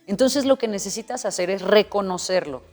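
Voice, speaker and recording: A woman's voice: medium pitch, brisk, a little mellow. A woman explaining things earnestly as a guest coach in an interview, sometimes acting out an inner voice. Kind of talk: interview conversation. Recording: long reverb with faint music.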